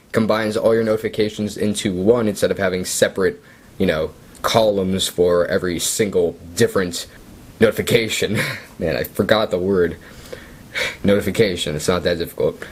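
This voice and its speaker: A young man casually walking through his device setup, relaxed and chatty with self-deprecating asides. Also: fairly low pitch, slightly rough. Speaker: tech video creator. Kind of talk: casual screen-recorded walkthrough.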